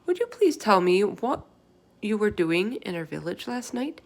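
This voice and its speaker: A woman's voice: mid-range voice, sing-song, a little slow. A woman voicing a small, plucky, inquisitive orphan girl in a storybook, speaking in a matter-of-fact way. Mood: insistent.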